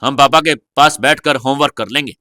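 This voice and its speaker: A man voicing a proud little boy in an audio story, boastful and quick to whine. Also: mid-range voice, sharp tone, no echo, clean studio sound, natural voice. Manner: boastful, whiny pleading. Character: small boy, proud and easily hurt.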